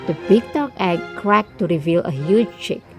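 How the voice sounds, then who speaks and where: A woman narrating a children's fairy tale in an expressive storybook read-aloud manner. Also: fairly low pitch, moderate pace, over music. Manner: expressive, clearly scripted storytelling.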